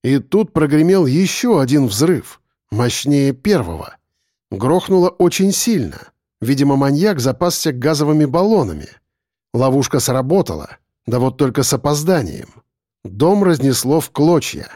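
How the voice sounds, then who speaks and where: A man narrating a first-person story as an audiobook, in an expressive, dramatic reading. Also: mid-range voice, normal speed, no room sound, clean studio sound.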